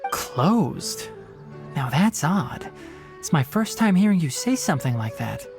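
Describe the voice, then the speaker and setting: An actor playing a young forest ranger in a game, blunt and lecturing, no-nonsense. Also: male voice, fairly high pitch, big pitch swings, measured pace, music in the background. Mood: stern. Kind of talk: video game voice acting.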